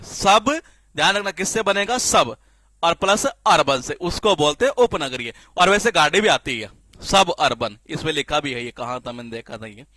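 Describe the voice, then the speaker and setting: A man teaching spelling in a classroom-style lecture, lively and repetitive, often asking the class questions and answering them himself. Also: a little high, dry recording. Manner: lively, repeats questions to the class, frequent filler "ye".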